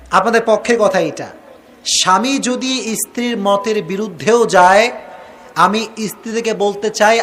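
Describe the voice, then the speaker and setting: High-voiced male preacher rousing a crowd. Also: background noise. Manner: calls out questions to the crowd, demands loud replies; acts out husband and wife in quoted dialogue. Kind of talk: Bangla waz sermon to a crowd.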